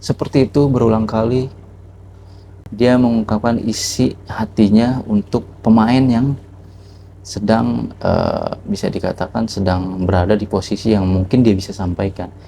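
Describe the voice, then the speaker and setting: Guy with a lowish mellow voice telling a calm life-lesson story, faint noise behind. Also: measured pace, gravelly. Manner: calm, reflective, asks rhetorical questions. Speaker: vlogger. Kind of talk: reflective motivational storytelling.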